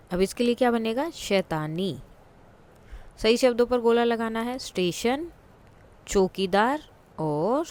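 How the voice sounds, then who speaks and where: A woman teacher explaining a worksheet in a patient way, repeating words slowly for her students. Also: medium pitch.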